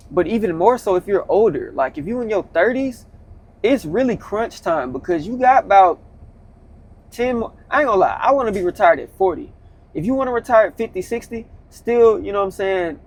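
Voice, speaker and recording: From the cab of his truck, a twentysomething vlogger and truck driver chats loosely with his viewers, dropping into slang and repeating himself. His voice is slightly higher than the typical man's. It's a casual motivational talk, delivered in a relaxed, conversational way.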